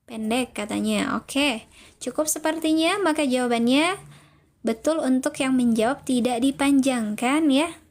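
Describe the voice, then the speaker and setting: High-voiced woman teaching tajwid. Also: unhurried. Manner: patient, explains step by step, reads chat names aloud. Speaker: Quran teacher. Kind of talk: online tajwid lesson, answering chat.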